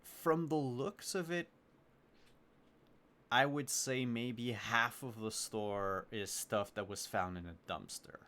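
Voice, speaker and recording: A man's voice: mid-range voice, slow, pushed and bright. A man narrating a tabletop role-playing game as game master, improvising descriptions as he goes.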